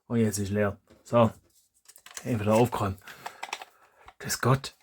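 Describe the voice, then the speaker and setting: A man talks through a casual hands-on review in a low voice. He rambles and corrects himself as he goes. A steady noisy hiss with scattered clicks sits under his voice. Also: a little slow. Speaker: hobby YouTuber reviewing toy blasters.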